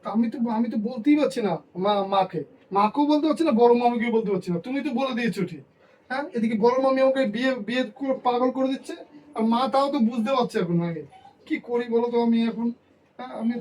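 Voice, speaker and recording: A man's voice: extremely high pitch, fast talker, darkish tone, recorded from a distance, a little hiss or hum, low-quality recording. A man playing a young adult son in a family drama, worried and whiny.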